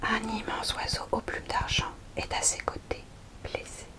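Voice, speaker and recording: A young adult woman presenting books in a soft, unhurried library whisper, in the style of an ASMR recommendation video. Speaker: ASMR host recommending storybooks. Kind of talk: whispered ASMR book talk.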